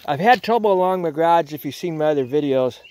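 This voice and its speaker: Working his hives outdoors in a yard, an older beekeeper talks fast and expressively in a fairly high, darkish voice. It's a casual hands-on demonstration, full of rambling and restarted phrases.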